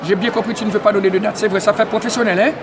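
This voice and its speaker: A man who interviews at an event, excitable and tagging nearly every phrase with "hein?". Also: high-pitched, racing. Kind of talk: casual community media interview. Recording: noisy crowded public event. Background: crowd chatter.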